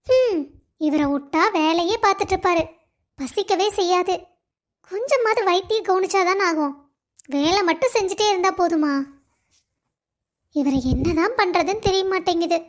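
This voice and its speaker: A woman's voice: very high voice, moderate pace, long pauses. A woman voicing a loving young wife who pleads and complains of being alone. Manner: pleading, plaintive.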